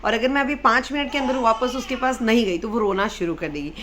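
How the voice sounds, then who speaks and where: A woman's voice: a little high, a bit bright, a little hiss or hum. A woman in her thirties, a mother chatting casually to camera in a vlog, mixing in English phrases and hurrying along. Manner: hurried, wrapping up quickly. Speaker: parenting vlogger and mother.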